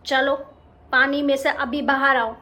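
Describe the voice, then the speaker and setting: A firm, scolding mother lioness, as a woman puts her on, her voice pitched lower than the narrator's yet still bright. She speaks slowly in a storybook tale. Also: fairly even intonation. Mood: stern.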